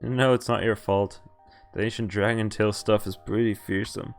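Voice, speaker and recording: Over soft background music, a man streams a visual novel, reading its lines aloud and stopping to react and explain with animated exclamations and groans. His voice sits on the low side and is creaky, at a normal speed.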